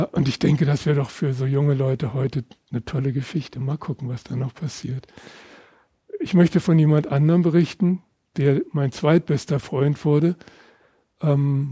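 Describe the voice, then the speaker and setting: Older man from Berlin reading his memoir: measured and reflective, with a slightly high, mellow voice and a dry sound. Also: fairly even intonation, breathy edge, no echo. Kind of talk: reading aloud from his own book.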